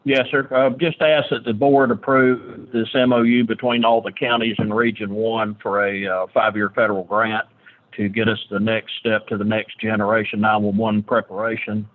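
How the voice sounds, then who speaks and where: A man's voice: fairly low pitch, little pitch movement, moderate pace. A man calling into a county board meeting by phone, giving a plain, matter-of-fact report while his line breaks up and stutters. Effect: phone line breaking up, choppy and stuttering. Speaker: county official on a phone call. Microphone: phone call.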